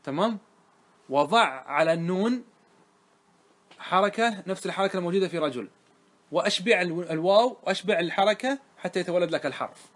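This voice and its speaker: A man leads a grammar lesson. His voice sits slightly high. He keeps quizzing the room, echoing each answer before moving on. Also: lively intonation, a little fast, pauses often. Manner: quizzing students with repeated questions. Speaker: teacher of Arabic grammar. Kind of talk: classroom lesson.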